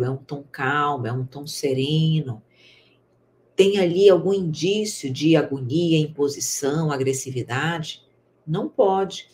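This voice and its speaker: A woman teaches a recorded spiritist course lesson. Her voice sits on the low side, and her delivery is calm, measured and gently instructive. A faint hiss runs underneath.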